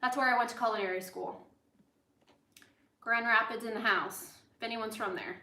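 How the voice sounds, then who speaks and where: A Los Angeles-raised American chef hosts a cooking livestream, her fairly high voice keeping a mostly even intonation at a moderate pace with a sharp tone. She chats informally, meandering into asides while she cooks. The indoor recording has a spacious echo.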